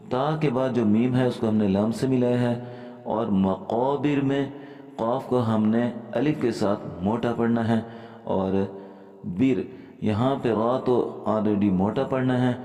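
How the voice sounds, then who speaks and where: A man teaching Quran pronunciation, explaining step by step and then reciting verses slowly and drawn out. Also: mid-range voice, fairly even intonation, mellow. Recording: echoey room with long reverb.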